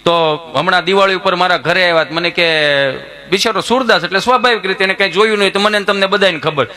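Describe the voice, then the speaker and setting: Man, stage storyteller who voices every character himself; high, bright tone. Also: fast talker. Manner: acts out both sides of his jokes, switching voices. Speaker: stand-up comedian. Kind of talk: Gujarati folk comedy storytelling.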